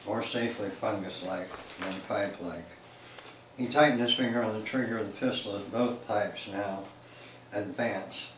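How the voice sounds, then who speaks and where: A man's voice: on the low side, a bit bright. A man reading his own novel aloud in a dramatic, shifting narrating style. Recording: echoey room, mic far off, faint hiss.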